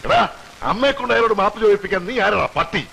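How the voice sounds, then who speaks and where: An actor playing a blunt, bossy older brother in a comedy film. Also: male voice, high voice, fast talker, vocal fry, pushed and bright, husky, full character voice, poor audio. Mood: angry. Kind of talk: film dialogue.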